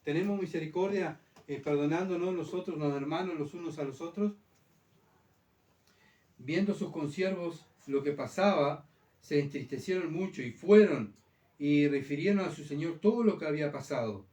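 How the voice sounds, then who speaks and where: Pastor preaching in an echoey church. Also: male voice, a little high, normal speed, a little mellow. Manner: asks the church rhetorical questions and repeats key phrases. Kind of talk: sermon. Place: church hall. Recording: roomy church sound, mic far off.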